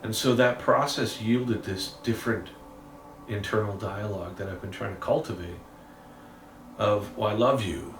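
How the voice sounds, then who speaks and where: A man's voice: on the low side, fairly even intonation, measured pace, a bit bright, a little hiss or hum. A man candidly reflecting in a casual, rambling monologue, swearing now and then. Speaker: musician vlogging an update. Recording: roomy, distant mic with faint ambience.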